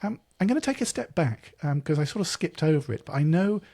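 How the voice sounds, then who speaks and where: Podcast host, man, thoughtful and rambling, dark gravelly voice. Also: on the high side, expressive, fast. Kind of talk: interview chat.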